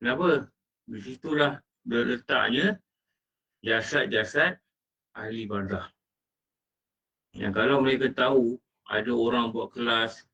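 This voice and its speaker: A man's voice: mid-range voice, bright, forceful tone. A man with a Malaysian Malay accent giving an Islamic lecture as a religious teacher, asking his listeners questions and acting out quoted dialogue. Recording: distant muffled mic.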